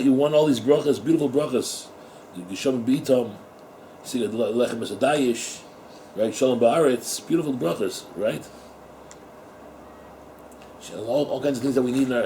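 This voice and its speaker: Mellow-voiced rabbi giving an informal talk. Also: male voice, mid-range voice, a little hiss or hum, rough recording. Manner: conversational, repeats words, asks the listeners rhetorical questions; mixes Hebrew and Yiddish terms into English. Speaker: rabbi teaching at a yeshiva. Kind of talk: informal Torah talk to students.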